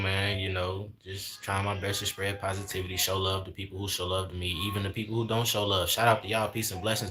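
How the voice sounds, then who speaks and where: A man in his twenties hosts a livestream, chatting casually while preaching repetitively and sprinkling in "man" and "y'all." His voice is on the low side with a fairly bright tone.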